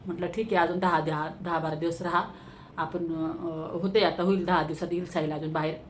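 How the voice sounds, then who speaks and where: A woman's voice: lowish voice, little pitch movement, brisk, slight background noise. A woman with a Marathi accent, vlogging casually about a personal matter, telling it in an emotional, rambling way with many fillers, recorded on a phone at home.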